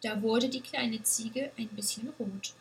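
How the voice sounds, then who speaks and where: A woman reads a children's story aloud at an unhurried pace, gently and expressively. Her voice sits a little high, with a faint hiss behind it. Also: steady tone, low-quality recording.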